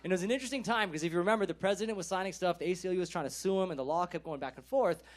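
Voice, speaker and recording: A man's voice: high-pitched, very fast. A man from California with an American accent doing a stand-up set in a casual, slangy way, laughing often. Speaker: stand-up comedian.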